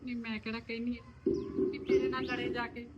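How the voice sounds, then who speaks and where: A woman's voice: fairly high pitch, flat delivery, fairly quick, lo-fi sound, a little hiss or hum, natural voice. An actress playing a frightened, downtrodden village wife and mother who pleads and prays in despair. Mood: fearful. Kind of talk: rural family drama.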